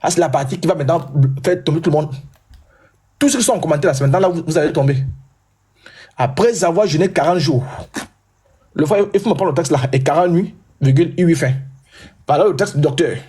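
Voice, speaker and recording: Brief: husky, fairly high male voice, loud insistent live debater who repeats points. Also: fast, pauses often. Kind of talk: heated live religious debate.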